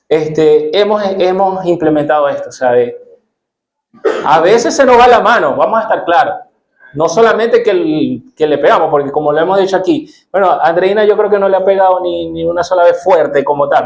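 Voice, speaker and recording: A man's voice: a little high, a little mellow. A man telling a church gathering about correcting his daughter. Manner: conversational, storytelling with quoted dialogue. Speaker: church couple guest. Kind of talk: testimony on parenting.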